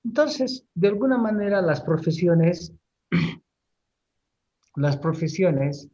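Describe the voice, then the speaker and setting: A middle-aged man giving a university class lecture, speaking deliberately, pausing and repeating words as he explains. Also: high-pitched, lively intonation, warm tone, slightly rough, highs cut off.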